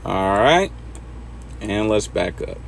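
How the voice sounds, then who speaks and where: Gravelly and low, this man's voice swings widely in pitch at a slow pace, over a faint hiss or hum. Relaxed and muttering to himself behind the wheel, he gives casual gameplay commentary teaching backing in a trucking sim.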